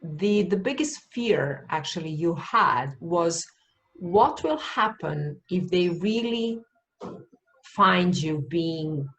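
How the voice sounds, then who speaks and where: A woman from Serbia, interviewing and slowly summarizing what she hears. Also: lowish voice, expressive, fairly bright tone, lo-fi sound. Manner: slow, summarizing, searching for words. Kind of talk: reflective interview questions.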